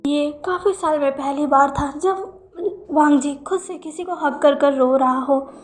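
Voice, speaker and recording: A woman channel host narrating her own fan fiction story aloud, in a slow, gentle storytelling manner. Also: sits high.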